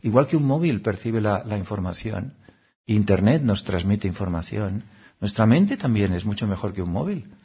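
Husky low-voiced man musing calmly. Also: lo-fi sound. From Seville, Spain. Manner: unhurried, musing, frequent "¿mm?" and "¿no?" asides. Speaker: spiritual teacher. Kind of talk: calm reflective spiritual talk.

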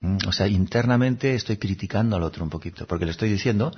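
A man giving a gentle, unhurried reflective talk, now and then slipping into little voices to act out examples. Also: fairly low pitch, husky. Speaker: speaker giving a talk on habits. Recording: dull, lo-fi recording.

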